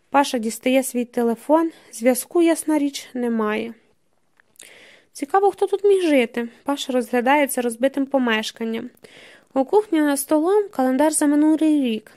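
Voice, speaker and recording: A woman narrating an audiobook in a measured, even storytelling manner. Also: high voice.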